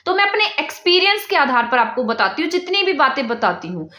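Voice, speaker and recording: High, bright-voiced young woman teacher. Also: very animated, brisk, echoey room. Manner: repetitive question-and-answer drilling. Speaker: exam-prep teacher. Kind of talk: online exam-prep lesson.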